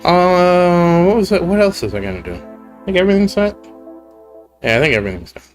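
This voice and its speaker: On a game stream, a congested man with a cold chats casually in a high-pitched, expressive voice, talking briskly over soft background music. He grumbles and rambles, sounding exasperated.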